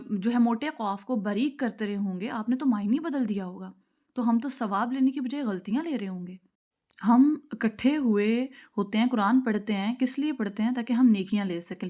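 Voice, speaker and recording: A woman leads a Tajweed class from slides. Her voice sits a little high, and she explains patiently, checking in with her listeners. She repeats example words slowly to show how they should sound. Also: a little mellow. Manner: patient explaining, checks in with "theek hai" and "sahi hai". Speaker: Tajweed teacher. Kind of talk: online lesson with slides.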